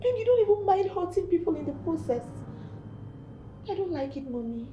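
A woman's voice: very high voice, big pitch swings, a little fast, mellow, reverberant, lo-fi sound, a little hiss or hum. An actress with a Nigerian accent playing an earnest young daughter pleading with her mother.

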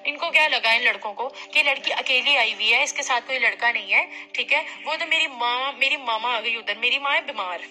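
A woman's voice: fairly high pitch, fairly quick, hardly any pauses, sharp tone, faint music behind. A young woman, arguing indignantly and insistently on a recorded phone call. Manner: indignant, insistent, repeats herself. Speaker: complaining client on a phone call. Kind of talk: heated phone argument.

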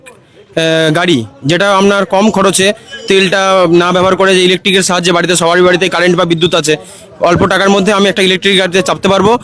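A man with a high voice talks extremely fast in an on-the-spot interview. His accent is West Bengal Bengali, and he sounds approving and emphatic as he gives his testimonial. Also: fairly bright tone.

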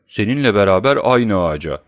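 A man reading an audiobook, voicing a coarse, bullying male swindler who rants and hurls insults loudly. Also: on the low side, lively intonation, fairly quick, no echo, clean studio sound, natural voice. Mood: sneering. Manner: loud, abusive ranting.

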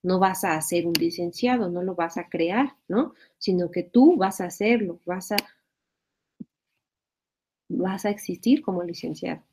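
Calm woman teaching a spelling class. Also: fairly low pitch, measured pace, a little hiss or hum. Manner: explanatory, repeats phrases, checks in with "¿verdad?". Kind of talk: spelling lesson.

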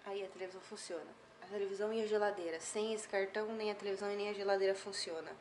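A woman's voice: mid-range voice, steady tone, racing. A woman with a Brazilian Portuguese accent, vlogging from a hospital room, chatting to viewers and to her child. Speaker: vlogger and mother. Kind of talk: casual vlog chat. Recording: noisy phone recording.

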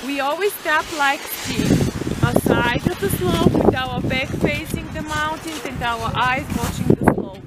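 A woman's voice: high voice, measured pace. A woman ski instructor, patiently explaining slope safety outdoors, recorded on a distant camera. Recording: distant camera audio with loud wind noise.

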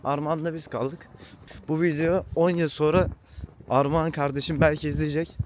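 A man's voice: on the high side, little pitch movement, moderate pace, a little hiss or hum. A young male student chatting casually outdoors, full of friendly banter. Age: young adult. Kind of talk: casual chat.

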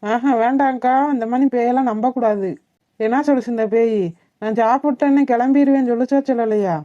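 A woman voicing a bossy, sharp-tongued girl in a cartoon, scolding and sarcastic. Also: on the high side, steady tone, fairly quick, lightly acted. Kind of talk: cartoon voice acting. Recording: tinny phone-like, dry.

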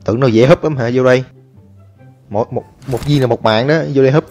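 Excitable male game commentator. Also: medium pitch, fast. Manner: excitable, chatty, talks to viewers, taunts enemies. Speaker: gaming streamer. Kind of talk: live gameplay commentary. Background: game music and gunfire.

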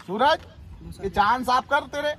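Young man, army physical trainer, very high voice, brisk teasing commands. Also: pushed and bright. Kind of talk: instructional coaching video with live drills.

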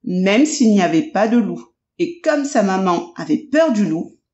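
A woman narrating a children's audiobook in a slow, expressive storytelling manner. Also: medium pitch. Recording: roomy, dull lo-fi audio.

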